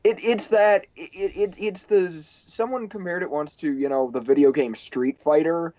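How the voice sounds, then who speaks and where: A man's voice: a little high, unhurried, warm tone, no echo. A man co-hosting a podcast in casual panel chat, chatty and laughing between points. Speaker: podcast co-host. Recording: dry, dull podcast mic.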